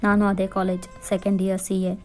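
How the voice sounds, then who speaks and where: A woman's voice: medium pitch, completely flat delivery, fairly quick, a little mellow, faint music behind, close to an everyday voice. A woman voicing a young man who is hurt and irritable, snapping orders and scolding in a fan-fiction voice-over. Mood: gruff, bossy. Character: gruff injured young man, bossy and irritable.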